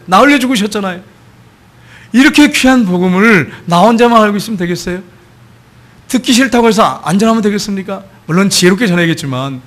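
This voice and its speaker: A middle-aged man preaching a sermon as a pastor, telling a story and acting out its dialogue, building to loud calls to the congregation. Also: sits high. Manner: storytelling preacher, acts out quoted dialogue, rises to loud exhortations.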